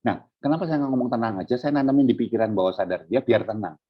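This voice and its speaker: Man guest speaker on a video call, husky and conversational, dull muffled sound. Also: mid-range voice, fast talker. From Indonesia. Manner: explains in a relaxed, conversational way, acting out what a parent says to a child. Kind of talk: casual parenting talk over video call.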